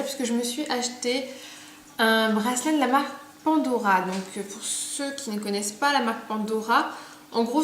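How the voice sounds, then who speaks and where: A young woman chatting casually about her purchases, full of fillers and restarts, recorded at home. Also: fairly high pitch. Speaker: beauty vlogger. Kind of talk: casual haul video chat. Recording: echoey room, faint background noise.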